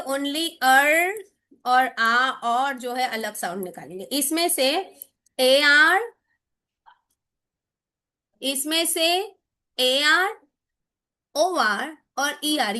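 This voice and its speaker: A woman's voice: sits high, expressive, pushed and bright. A woman leading a phonics teacher-training lesson, switching between English and Hindi and sounding out example words. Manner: explanatory, sounds out letter sounds and drawn-out example words.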